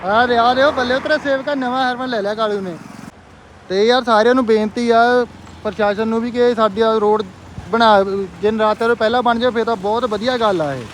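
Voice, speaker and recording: A man's voice: extremely high pitch, steady tone, brisk, slight background noise. A man with a Punjabi accent, vlogging in a casual, chatty way and talking straight to his viewers on a phone camera. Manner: chatty, talks straight to viewers while walking and driving. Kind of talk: casual vlog chat.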